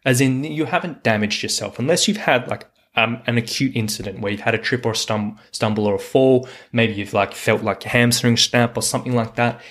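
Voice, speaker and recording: A man's voice: mid-range voice, fairly quick, hardly any pauses, fairly bright tone. A man hosting a solo coaching podcast, talking in an earnest, reassuring way and repeating words for emphasis. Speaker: podcast host, hiking coach.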